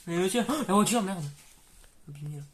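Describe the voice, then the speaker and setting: A young man playing a rude, hot-tempered learner driver in an amateur comedy sketch, swearing and quick to yell. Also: high-pitched, lively intonation, echoey room. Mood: irritated.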